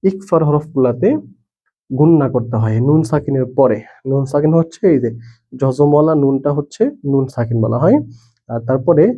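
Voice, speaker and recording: A man's voice: mid-range voice, dark tone, breathy edge, muffled recording. A man teaching Quran reading in a Bangladeshi Bengali accent. He spells each letter and vowel mark, then blends them into syllables. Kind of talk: slow letter-by-letter spelling lesson.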